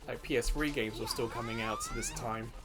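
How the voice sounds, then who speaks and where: With game music playing behind him, a man hosts a gaming video series, offering casual commentary and musing aloud to himself. His voice sits at a medium pitch, with fairly even intonation and a moderate pace.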